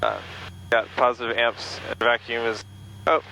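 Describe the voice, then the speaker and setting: A man's voice: mid-range voice, normal speed, gravelly, slight background noise, rough recording. A young man, a student pilot, chatting casually and calling out checklist items over a headset in a small plane cockpit. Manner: relaxed, joking, swears casually. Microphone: aviation headset intercom.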